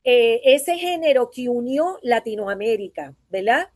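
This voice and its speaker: A woman's voice: on the high side, animated, measured pace, darkish tone, no room sound. A Puerto Rican woman who teaches voice and acting, speaking in an earnest, reflective way at a talk and often tagging her sentences with "¿verdad?". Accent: Puerto Rican Spanish. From Puerto Rico. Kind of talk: conference talk.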